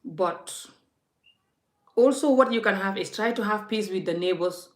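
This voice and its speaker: A medium-pitched woman talks a little slowly as she rants passionately in a vlog, scolding and forthright while speaking directly to the viewer. Her room gives off echo.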